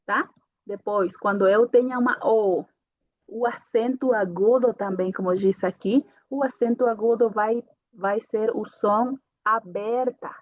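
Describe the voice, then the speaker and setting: Slow, patient woman teaching pronunciation. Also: a little high, steady tone, no room sound, muffled recording. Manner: checks in with "tá?" after each point, repeats sounds slowly. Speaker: language teacher. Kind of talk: slow explanatory lesson.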